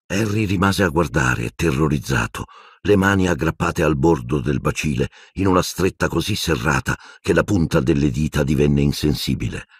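A man narrating an audiobook with dramatic, expressive storytelling into a close microphone. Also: extremely low pitch, normal speed, slightly rough, no room sound.

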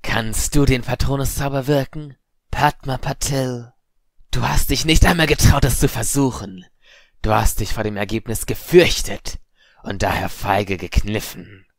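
A man voicing an eerie unseen voice that whispers and hisses its threats slowly and coldly. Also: medium pitch, no echo, pitched above the performer's own voice, close to an everyday voice. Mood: scornful. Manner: slow, hissing, quietly threatening.

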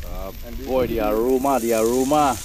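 A man's voice: medium pitch, moderate pace, a crowd in the background. A Trinidadian man casually narrating a nighttime outdoor cookout vlog for the camera, easygoing and chatty, laughing often. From Trinidad and Tobago. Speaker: vlogger.

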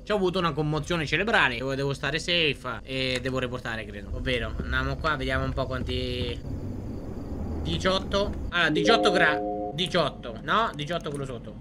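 A young man commentating a horror game, excitable, swearing often and talking to himself. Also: medium pitch, brisk, noisy background. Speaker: gaming streamer.

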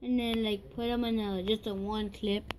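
A girl chatting casually while playing a game, excitable and quick to squeal and shout. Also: mid-range voice, a little hiss or hum. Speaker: gamer. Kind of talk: casual gameplay chat.

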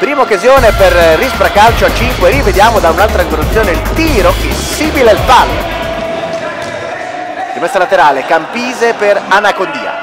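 A man giving excitable futsal play-by-play commentary, breaking into shouted goal calls as a match commentator. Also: high-pitched, normal speed. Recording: music and crowd noise behind. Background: music, sports hall crowd.

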